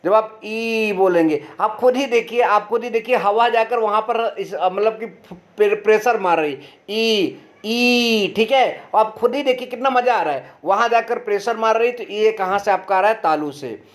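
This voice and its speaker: A man with a high-pitched voice teaches an online grammar lesson. He asks questions and then answers them himself. He drags out each letter sound slowly and clearly to show how it is made. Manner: explains step by step, asks and answers his own questions.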